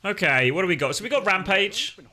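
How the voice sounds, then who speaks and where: A man live-streaming casual reactions to an esports match and chatting with viewers, wry, sweary and excitable. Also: high voice, a little fast.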